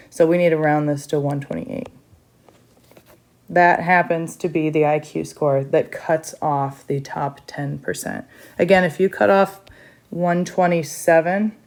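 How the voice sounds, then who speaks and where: A woman's voice: sits low, a little mellow. A woman teacher recording a step-by-step math lesson for her students, chatty, with frequent fillers.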